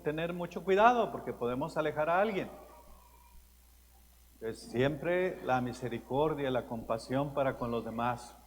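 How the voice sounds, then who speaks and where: A male priest delivering a homily in a large church, his slightly high voice carried by long reverb. He preaches earnestly and leans hard on key words as he tells a story. Faint room noise sits under him. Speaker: pastor. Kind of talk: Sunday homily.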